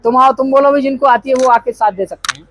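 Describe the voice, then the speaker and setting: A man leading a wedding ceremony, giving a preachy speech that quizzes the crowd and leading slow, drawn-out chants. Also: very high-pitched, a bit bright, a little hiss or hum. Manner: preachy, asks the crowd questions. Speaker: wedding officiant.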